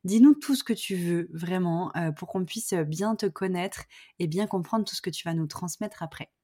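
A woman's voice: fairly low pitch, normal speed, dark tone. A woman hosting a podcast, reading a scripted intro and then asking questions enthusiastically with many fillers. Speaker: podcast host.

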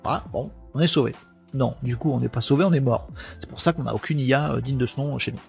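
A man's voice: medium pitch, quick pace, gravelly, darkish tone, faint music behind. A man from France hosting a daily live webinar, chatting casually, joking and rambling as he reads viewers' comments aloud. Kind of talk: casual live-stream chat.

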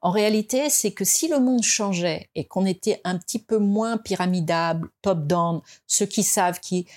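A woman from France speaking as a guest in an interview, reflective and hesitant, with many fillers and restarts, and rising in pitch to stress her points. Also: moderate pace, darkish tone. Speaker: design expert guest. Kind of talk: conversational interview.

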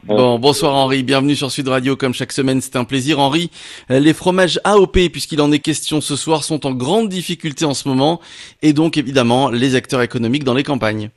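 A man hosting a radio interview in a studio, courteous and brisk as he introduces his weekly guest. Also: medium pitch, steady tone. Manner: smooth, courteous, brisk host patter. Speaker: radio host. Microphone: studio microphone.

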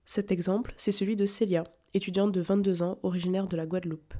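A woman from Africa hosting a podcast, giving scripted narration in a clear, poised way. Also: lowish voice, fairly even intonation, fairly quick, mellow. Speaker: podcast host.

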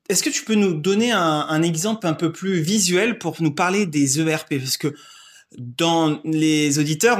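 A man with a fairly high-pitched voice who hosts a podcast. He asks his questions in a hesitant way. He uses lots of fillers and keeps rephrasing as he goes. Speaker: podcast host. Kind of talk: casual podcast interview.

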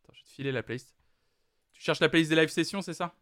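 A man's voice: on the high side, fast talker, fairly bright tone, no room sound, clean studio sound. A man hosting a live music stream, chatting casually with lots of hesitant fillers. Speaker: streaming music show host.

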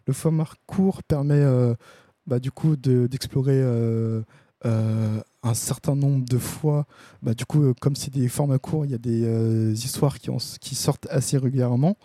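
A man talks through a casual stream review, pausing on fillers and restarting his sentences. His voice is very dark and mellow, at a middling pitch. The sound is dry and close. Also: fairly even intonation, dry recording. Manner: hesitant, many fillers and restarts. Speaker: host of a comics review stream.

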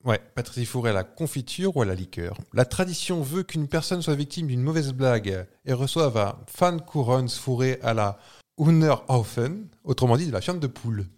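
A man's voice: medium pitch, animated, fairly quick, few pauses, a little mellow. Playful French man hosting a quiz chat. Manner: playful, teasing, laughs often. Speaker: podcast co-host.

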